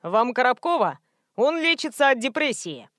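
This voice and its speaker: A woman reads a teasing, clowning male friend in a storybook phone call, tossing out gags and mock-serious lectures. The voice sits a little high. The recording is close and dry. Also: very animated, moderate pace, fairly bright tone, dry recording. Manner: playful, clowning.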